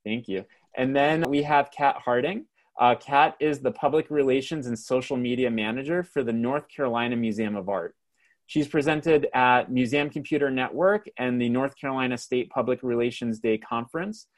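Male moderator, mid-pitched, steady and formal, video-call sound. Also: normal speed. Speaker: host and moderator. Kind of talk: scripted introductions and interview questions.

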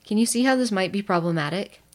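A woman's voice: medium pitch, fast talker. A woman who is a history teacher, giving a scripted educational narration with playful, jokey asides.

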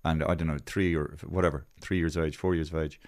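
A man with a very low voice hosts a relaxed podcast chat at the microphone. He rambles, restarting sentences and repeating words as he goes. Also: fast talker, dry recording, clean studio sound. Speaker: podcast host. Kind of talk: casual chat.

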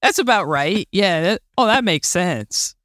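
A woman's voice: lowish voice, a little slow, no echo. Bubbly woman from Florida co-hosting. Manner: bubbly, animated, laughs often. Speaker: podcast co-host. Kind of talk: casual chat.

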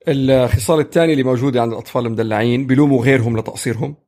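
Rapid-fire husky man. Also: mid-range voice. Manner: animated, acts out children's voices, many restarts. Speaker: podcast co-host. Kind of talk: casual parenting chat.

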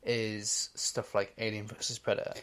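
A man's voice: on the low side, flat delivery, moderate pace, pushed and bright. A man co-hosting a podcast in casual chat, explaining his views at length with many "you know"s. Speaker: podcast co-host.

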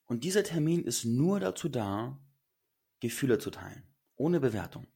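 A man's voice: mid-range voice, big pitch swings, moderate pace, vocal fry, warm tone, husky. A man giving casual but earnest relationship advice to listeners, emphatic and slangy.

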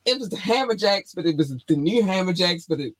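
A man's voice: high voice, fairly quick, low-quality recording. A man hosting a casual interview, talking loosely with frequent laughs and swearing. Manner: excitable, swears freely, laughs often. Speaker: host.

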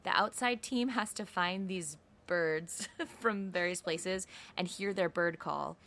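A woman's voice: lowish voice, takes it slowly. Giggly woman retelling a TV episode. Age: 30s. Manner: lively storyteller, laughs often. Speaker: podcast co-host. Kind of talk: casual TV recap chat.

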